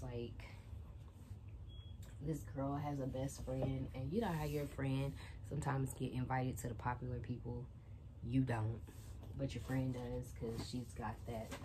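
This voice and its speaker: Tidying her little indoor bedroom with its bookshelf and TV, a young woman vlogs in a bass voice, rambling casually about a book plot with many fillers. The phone or camera sits on a shelf, so she moves closer and farther from it, and the background is noisy.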